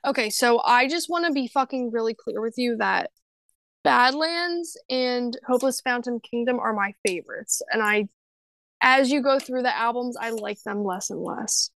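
Young female co-host, gravelly fry, blunt and sweary, restarts her sentences, close dry mic. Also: fairly high pitch, moderate pace, fairly bright tone, no room sound. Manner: emphatic, swears freely, trails off and restarts. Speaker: podcast co-host. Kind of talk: casual chat about music.

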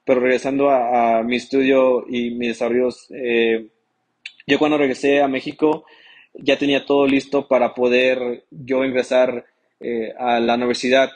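A young American man, a native English speaker, talks as a guest in a casual interview in a steady, flat tone at mid pitch for a man and a moderate pace. He hesitates a lot, restarting sentences and filling pauses with stalling words, and the recording quality is low.

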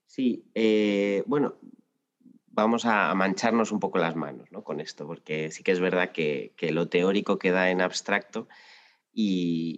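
A man explaining his language-teaching experience in a podcast interview, thoughtful and full of anecdotes with many restarts. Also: on the low side. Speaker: Spanish teacher guest. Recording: lo-fi with long reverb.

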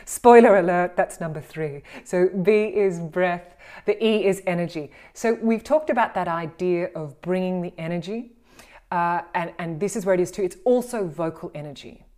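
A woman with an Australian accent, teaching voice and speaking skills in an animated, encouraging way and acting out the exercises she describes. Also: on the low side, normal speed. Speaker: voice and communication coach. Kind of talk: instructional talk on speaking skills.

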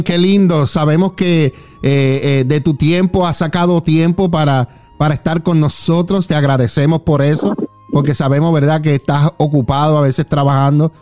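Puerto Rican male radio pastor, higher voice, exclamatory host, music bed. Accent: Puerto Rican Spanish. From Puerto Rico. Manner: warm, exclamatory, many fillers.

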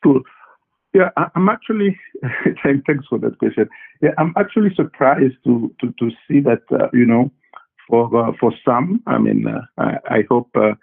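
A man who grew up in Congo answers students' questions in a halting way, full of fillers and repeated words. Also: mid-range voice, vocal fry, husky. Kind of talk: casual interview answers. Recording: tinny phone-like line.

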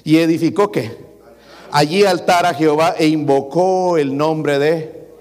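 High-voiced pastor preaching in a reverberant hall. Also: male voice, a little slow, darkish tone. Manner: preaching with rhetorical questions to the congregation. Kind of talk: sermon.

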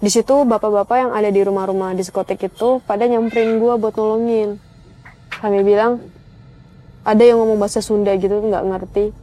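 Talking a little fast in a mellow, steady, mid-range voice, a young woman shares a spooky experience of her own. She keeps it casual and chatty, addressing her viewers directly like a spoken horror story.

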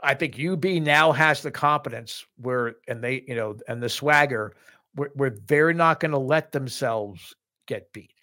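Middle-aged male podcast co-host, eager and chatty, medium pitch, lots of restarts. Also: unhurried, sharp tone. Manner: enthusiastic, repeats words and restarts. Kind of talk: casual sports podcast chat.

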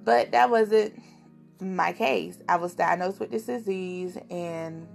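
A young woman speaks straight to her viewers in a candid personal vlog, earnest and confiding. Her voice carries a heavy, gravelly vocal fry. Soft music sits faintly underneath. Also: lowish voice, slow pace. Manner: earnest, confiding, addresses viewers directly as y'all. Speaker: vlogger.

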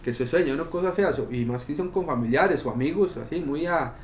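Young man, Costa Rican accent, halting speech, echoey room, faint hiss. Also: fairly high pitch. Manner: halting, searches for words, restarts. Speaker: podcast co-host. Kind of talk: casual chat.

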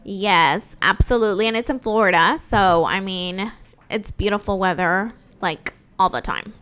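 A woman's voice: mid-range voice, moderate pace, a bit bright, smooth. A woman co-hosting a real estate news show, chatting casually in a bubbly, emphatic way. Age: adult mother. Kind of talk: casual chat.

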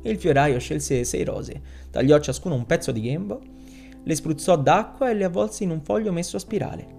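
A man reading a short story aloud as an audiobook narrator, in a measured, expressive way. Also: fairly high pitch, vocal fry, faint music behind.

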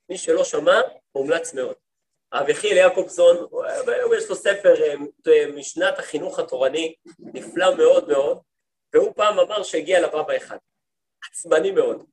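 A rabbi teaching a class for women, a man telling stories in a lively way and often turning to his listeners with questions. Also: on the high side. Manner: lively storytelling, acts out quoted speech; talks to the listeners, asks them questions. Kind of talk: lecture to a women's study group.

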